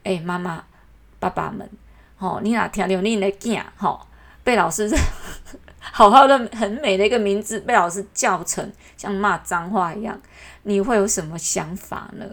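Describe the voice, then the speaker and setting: A woman's voice: medium pitch, normal speed. Talkative Taiwanese woman podcaster. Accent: Taiwanese Mandarin. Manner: chatty, animated, frequent "hou" particles and laughs. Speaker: podcast host; works with kindergarten classes. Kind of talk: casual podcast monologue.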